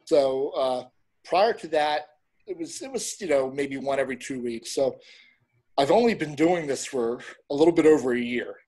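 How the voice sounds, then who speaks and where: A middle-aged man chatting casually as an interview guest, rambling a little and pausing as he goes. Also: mid-range voice, animated, warm tone. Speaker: interview guest, horror host and film reviewer.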